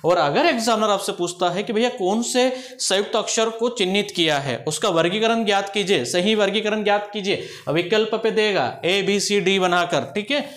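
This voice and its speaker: A man with a high voice teaches a grammar lesson in a patient, explanatory way. He stops often to ask whether his students are following. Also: moderate pace, hardly any pauses, fairly bright tone. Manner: explanatory, asks checking questions often.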